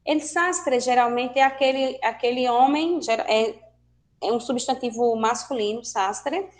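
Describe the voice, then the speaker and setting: A woman with a Brazilian Portuguese accent teaches an online Spanish lesson, her fairly high voice keeping a fairly even intonation at a moderate pace. Patiently, she explains and quizzes her students.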